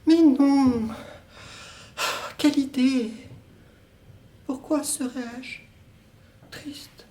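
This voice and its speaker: A man's voice: extremely high pitch, fairly even intonation, very slow, dark tone, voice pushed up, full character voice. A young man playing a young woman lover who turns aside questions with short, hesitant denials. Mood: evasive. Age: young adult. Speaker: student actor. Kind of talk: solo stage reading of a play. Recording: roomy echo.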